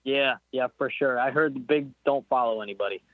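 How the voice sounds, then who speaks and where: Talking fairly fast in a medium-pitched voice, a young Pennsylvania racer of nineteen guests on an informal phone interview about motorcycles. He drifts around and keeps restarting. The dry recording has a thin, tinny phone quality.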